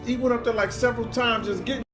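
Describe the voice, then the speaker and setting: Male guest, high-pitched, slangy, amused anecdote. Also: steady tone, rapid-fire, over music. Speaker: guest telling a story. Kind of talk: casual storytelling.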